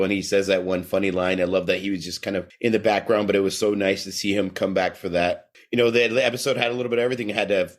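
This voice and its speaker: A young man co-hosting a podcast, talking casually and rambling, repeating words as he goes. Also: lowish voice. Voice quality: gravelly, swearing freely. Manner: rambling, repeats words, laughs at recalled jokes. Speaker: podcast co-host. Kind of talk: casual chat.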